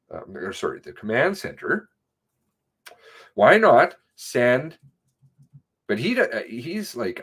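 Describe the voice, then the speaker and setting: A man reads an interview transcript aloud, adding commentary and stressing words for emphasis. His voice is medium-pitched and a bit bright.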